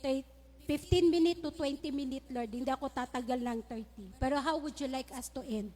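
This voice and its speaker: A woman pastor with a high yet dark-toned voice preaches a sermon in a church hall at normal speed. She mixes humorous storytelling into Taglish preaching, and the hall gives the recording a long reverb.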